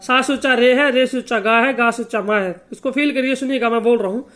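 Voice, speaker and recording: A music teacher talks through a lesson in a high-pitched voice. He explains each term slowly and repeats it, and now and then he sings out long, drawn-out sargam notes as examples. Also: fairly even intonation, fairly bright tone. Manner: slow repetitive explanation, stretching out sung sargam notes. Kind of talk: spoken lesson with sung note examples.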